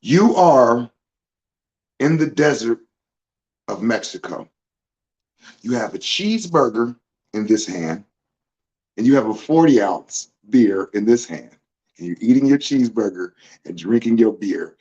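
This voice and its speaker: A man's voice: medium pitch, animated, measured pace, pauses often, darkish tone, lo-fi sound. A man, born in Germany, explaining venom medicine in a laid-back, casual livestream chat, using vivid analogies.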